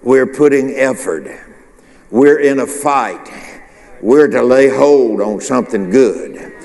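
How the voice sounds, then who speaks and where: A man's voice: medium pitch, takes it slowly, vocal fry, a little mellow. A man preaching an informal, chatty midweek sermon, full of restarts and questions to the congregation. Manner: conversational, rambling with restarts and call-and-response. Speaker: pastor. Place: church sanctuary. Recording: long hall reverb.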